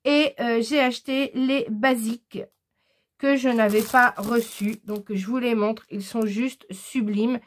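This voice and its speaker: A woman chatting casually in a haul video, enthusiastic and hesitant, often pausing with "euh" as she shows her scrapbooking purchases. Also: on the high side, fairly even intonation, a little hiss or hum.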